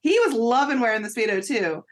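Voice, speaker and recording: A woman's voice: lively intonation, brisk. A woman co-hosting a podcast, recapping a reality show in casual chat and laughing often as she acts out quotes. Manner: giggly, acts out quotes in high voices. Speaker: podcast co-host.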